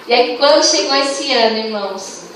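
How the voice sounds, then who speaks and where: Young Brazilian woman preacher, high voice, heard from a distance in a very echoey church hall. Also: expressive, moderate pace, a little hiss or hum. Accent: Brazilian Portuguese. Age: young adult. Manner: warm storytelling, acts out dialogue. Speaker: youth congress leader and preacher. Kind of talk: sermon.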